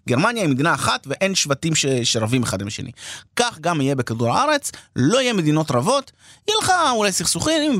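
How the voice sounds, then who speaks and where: A man in his thirties co-hosts a casual talk show. He tells stories with plenty of energy and jumps up in pitch when he quotes people. The sound is close and dry. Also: no echo. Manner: animated storyteller, quotes people in raised voices. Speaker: podcast co-host. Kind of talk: casual chat.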